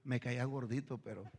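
A man's voice: mid-range voice, darkish tone, breathy edge. A man preaching a fervent sermon, telling anecdotes and laughing now and then. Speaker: pastor.

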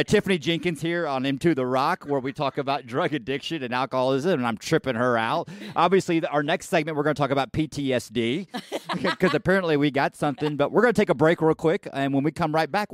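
A man's voice: on the high side, expressive, fairly quick, no room sound, studio quality. A man hosting a podcast interview, teasing his guest in a jokey, chatty way. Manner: teasing, jokey, laughs often. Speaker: podcast host. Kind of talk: casual interview chat.

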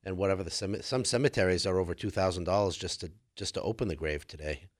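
Funeral director guy, really deep voice, talks fast and matter of fact. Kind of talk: radio interview.

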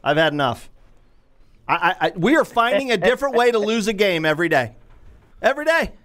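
Fed-up male co-host ranting on a sports talk show; animated, fairly high, keeps repeating his lines. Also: fast. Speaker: podcast co-host.

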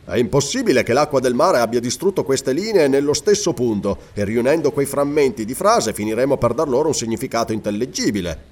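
A man's voice: mid-range voice, lively intonation, a little fast, few pauses, darkish tone, natural voice. A man reading as an earnest sea captain.

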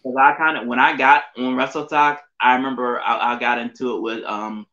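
A man's voice: medium pitch, level tone, a little fast, sharp tone. A middle-aged man chatting casually as a podcast guest, rambling with many fillers and restarts. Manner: rambling, frequent fillers and self-corrections. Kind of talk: casual interview chat. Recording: dull lo-fi audio.

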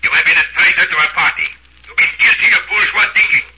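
An actor playing a fanatical accuser, ranting and shrieking for punishment in an old radio drama. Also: male voice, wildly swooping pitch, takes it slowly, full character voice. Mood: accusing, fanatical. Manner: shrill, ranting shouting. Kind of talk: mid-century radio drama acting. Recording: dull old radio recording.

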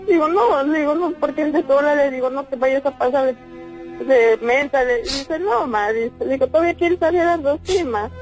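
A woman with a Mexican Spanish accent, playing a distraught mother-in-law, vents at length and swears on a heated phone call. Her high voice is a little mellow and moves at a moderate pace, with soft music in the background.

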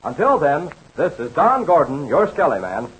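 An American man works as an old radio announcer, narrating and pitching to young listeners. His voice is fairly high and swings widely in pitch. It has a very husky grain and an emphatic push. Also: very animated, moderate pace, fairly bright tone, highs cut off.

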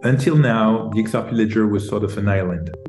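A middle-aged man from France with a French accent, answering interview questions with many pauses and restarts. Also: fairly low pitch, darkish tone, faint music behind. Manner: hesitant, many ums and restarts. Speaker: guest, tech executive. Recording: roomy echo.

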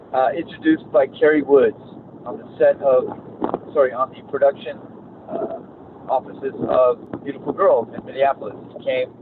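A man rambling through loose, profane anecdotes as an interview guest. His voice comes over a thin, phone-like line. There is steady noise behind him. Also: medium pitch. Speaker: actor guest. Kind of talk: casual storytelling. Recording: tinny phone-like line, noisy.

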